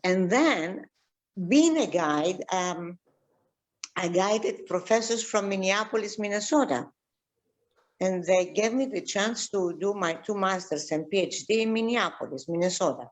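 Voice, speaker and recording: An older woman from Egypt, a tour guide and archaeologist, chatting casually and slowly with many fillers and restarts. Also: medium pitch, lively intonation. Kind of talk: casual video-call chat.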